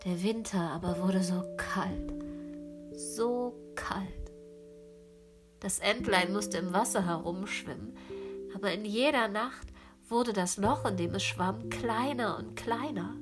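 A woman reading a fairy tale aloud in a gentle way, often sinking into a whisper. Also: medium pitch, unhurried. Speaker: storyteller. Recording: with music behind.

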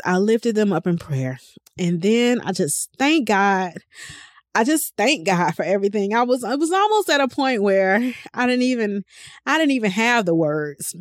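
A woman's voice: medium pitch, no echo. A woman hosting a podcast who shares a personal reflection in a heartfelt, emotional way and is often close to tears as she talks with devotion about prayer. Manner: devout, speaks of prayer with fervor; chatty, addresses listeners as y'all. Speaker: podcast host.

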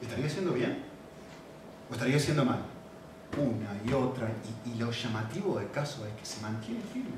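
A man's voice: medium pitch, expressive, a little fast. Argentine male preacher, conversational questioning delivery; distant mic in a very reverberant hall. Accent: Argentine Spanish. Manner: conversational, asks the audience questions. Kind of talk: expository sermon. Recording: echoey hall, mic from afar, faint hiss.

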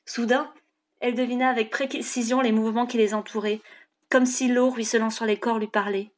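A woman narrating an audiobook chapter in a steady, measured reading. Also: a little high.

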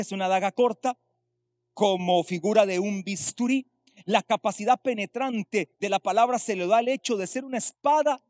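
Man, pastor, high voice, dry close sound, teaching sermon, rhetorical questions. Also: no room sound. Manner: teaching, explaining Greek terms, rhetorical questions.

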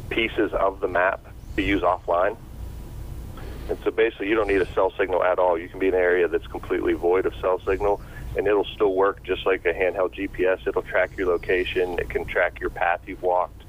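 A man heard over a phone line, explaining a topic patiently, step by step. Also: sits low. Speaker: guest expert. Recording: dull phone line, faint noise.

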